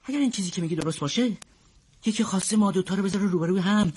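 A man's voice: high voice, darkish tone, slightly rough. An actor playing a young man who argues defiantly while held at gunpoint. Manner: defiant, pleading, argumentative. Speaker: tenant's husband. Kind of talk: television drama acting.

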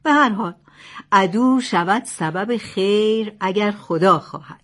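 A woman voicing a pious man who calmly reflects on how his enemies' quarrel saved him, in a storybook fable. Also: mid-range voice, lightly acted. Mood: reflective. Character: pious old man of God, calm and grateful.

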